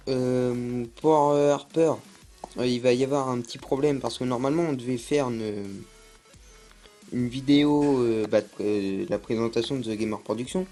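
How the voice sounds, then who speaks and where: A man's voice: mid-range voice, unhurried, dark tone, soft background music. Hesitant young man narrating gameplay. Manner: hesitant, many fillers. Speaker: gaming YouTuber. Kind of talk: casual gameplay commentary.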